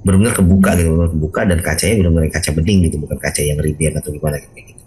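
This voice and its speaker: A man hosting a video call, casually telling his own ghost story in an animated way, acting out sounds with big jumps in his voice. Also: very deep voice, very fast, low-quality recording.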